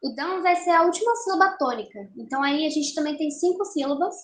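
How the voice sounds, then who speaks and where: High-voiced woman teaching in an echoey room. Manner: explanatory, slows to count syllables aloud. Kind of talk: recorded online literature lesson. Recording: roomy echo.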